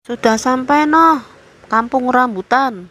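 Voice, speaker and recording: Kernet bus yang lantang dan kasar, diperankan seorang perempuan. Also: female voice, medium pitch, normal speed, close to an everyday voice. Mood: brash. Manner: rough slangy street talk. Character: loud brash male bus conductor.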